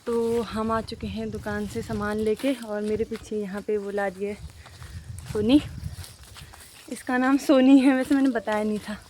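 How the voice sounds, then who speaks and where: A woman's voice: mid-range voice, steady tone, a little slow, dark tone, slight background noise. A young woman vlogging in a casual, chatty way, talking straight to her viewers as she walks around outdoors in a village. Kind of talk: casual vlog walk-through. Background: faint outdoor ambience with animals.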